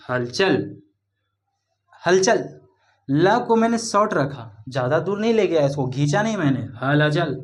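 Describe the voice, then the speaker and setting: Male teacher, Hindi accent, patient and drawn out, slightly high voice, spelling lesson. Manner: spells words letter by letter, drawn out; explains patiently, repeating words. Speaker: English teacher.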